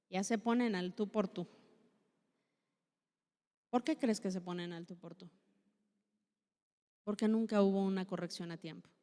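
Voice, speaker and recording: A woman's voice: mid-range voice, darkish tone. Mexican woman preaching in a reverberant hall. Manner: chatty, asks many rhetorical questions. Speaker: speaker at a women's church meeting. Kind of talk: conversational sermon. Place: church hall.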